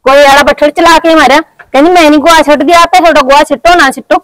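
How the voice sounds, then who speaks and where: A woman acts out a quarrelsome village schoolteacher wife with a Malwai Punjabi accent. She bickers defensively in a very high, rapid voice. The sound is close and dry. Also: fairly even intonation, dry recording, natural voice, low-quality recording. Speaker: teacher wife in a village family drama. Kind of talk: village comedy drama acting.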